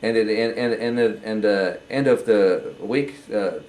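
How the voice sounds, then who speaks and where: An older man giving a halting, earnest personal testimony, often repeating words as he goes. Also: lowish voice, darkish tone, slight background noise, poor audio. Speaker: interviewee.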